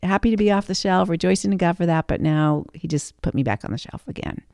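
A woman co-hosting a faith podcast, earnestly telling a personal story in relaxed conversation. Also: lowish voice, fast, no echo, clean studio sound. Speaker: podcast co-host.

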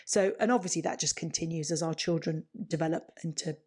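Low-pitched woman giving podcast advice. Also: a little fast, darkish tone, slightly rough. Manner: explanatory, rephrases and builds in lists. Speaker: parenting podcast host.

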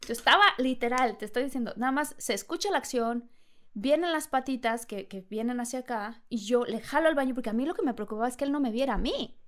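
A woman's voice: a little high, fast talker. A woman, a podcast guest, telling a funny anecdote and acting out the voices, laughing often. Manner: lively storyteller, acts out voices and laughs often.

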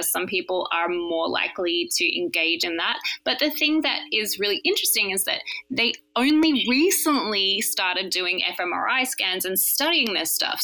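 A woman casually explaining the neuroscience behind feelings, in a relaxed chat with many fillers. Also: mid-range voice, poor audio.

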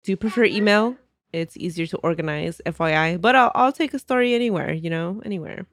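A woman's voice: on the low side, fairly quick, dry recording. A woman hosts a podcast with a stuffy, nasal voice, still getting over a cold. She talks in an easy, chatty way and laughs often. Her voice sits dry and close, with no room sound around it. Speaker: podcast host. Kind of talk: casual podcast chat and story reading.

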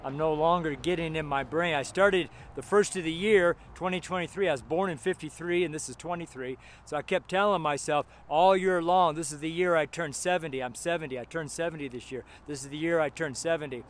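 This American street preacher in his seventies has a fairly high voice and a loose, folksy style, drifting from one thought to the next. He preaches casually outdoors beside a road, passing cars and faint traffic hum behind him, and occasionally chuckles to himself.

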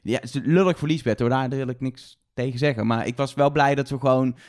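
A man's voice: medium pitch, fairly even intonation, quick pace, a little mellow. A man co-hosting a podcast, chatting casually about a TV show. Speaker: podcast co-host. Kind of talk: casual chat discussing a TV show.

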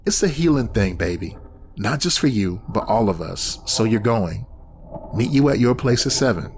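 A man voicing a friend who coaxes warmly and familiarly. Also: on the low side, lively intonation, moderate pace, a little hiss or hum. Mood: coaxing. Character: coaxing male friend, affectionate.

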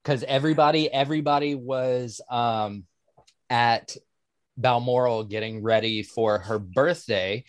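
A man co-hosting a casual podcast who tells stories slowly, full of ums and the odd curse. His voice sits at a middle pitch and is recorded dry and close. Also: dry recording. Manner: drawn-out, hesitant with many fillers, swears. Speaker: podcast co-host. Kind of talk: casual chat, storytelling.

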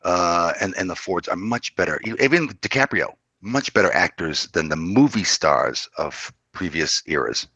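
An older man with a very low voice that still comes across bright and forceful. He talks about classic films in a measured, thoughtful way, often restarting his sentences, and the recording is dry with almost no room sound. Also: animated, slightly rough, no echo. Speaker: podcast guest. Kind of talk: casual film discussion.

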